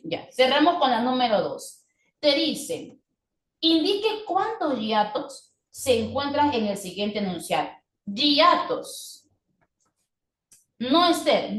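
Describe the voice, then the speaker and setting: A young woman, teaching an online class in a patient, explanatory way and checking in with "¿ya?". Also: fairly high pitch. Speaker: language teacher. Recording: echoey room, voice from far off.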